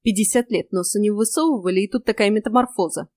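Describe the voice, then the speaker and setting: A woman's voice: medium pitch, quick pace, darkish tone, no echo, lightly acted. Woman reading a grumbling red fox. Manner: grumbling, fussy.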